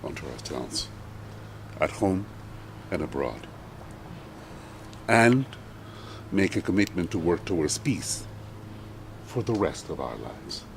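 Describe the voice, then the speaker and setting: An older man from Chile gives a solemn, measured speech at an outdoor memorial. His voice is very low and he talks slowly, with long pauses. A faint hiss and outdoor ambience sit behind him. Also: very animated. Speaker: poet. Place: outdoor garden gathering. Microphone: far from the mic.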